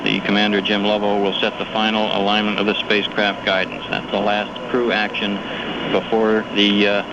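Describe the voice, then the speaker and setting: A man's voice: on the low side, gravelly. Man announcing over crackly radio transmission. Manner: steady, measured announcer delivery. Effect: crackly radio transmission sound. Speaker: launch control commentator. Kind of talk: live countdown commentary. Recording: noisy lo-fi archival radio broadcast.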